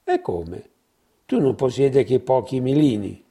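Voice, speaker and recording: A man's voice: medium pitch, big pitch swings, a little slow, mellow, breathy edge, heavily acted. A man doing a puzzled painter friend. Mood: questioning. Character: male painter friend, giggly and thoughtful.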